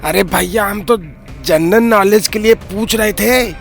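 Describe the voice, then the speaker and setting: A man's voice: sits high, measured pace, vocal fry, faint music behind. A man voicing a cocky, talkative young male ghost with rustic, teasing banter. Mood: pleading. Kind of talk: audio story acting.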